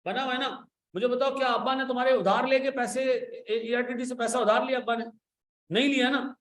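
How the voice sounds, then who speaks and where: A man giving an accounting lecture, animated and coaxing, pressing his students with repeated questions and playful scolding. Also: very high voice, fairly quick, reverberant. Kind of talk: classroom lecture.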